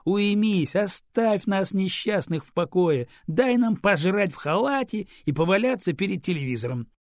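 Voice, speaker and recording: A man's voice: fairly high pitch, big pitch swings, moderate pace, gravelly, darkish tone, no echo, studio quality, voice pushed up, heavily acted. A man voicing a teasing, easygoing male engineer with a mocking manner.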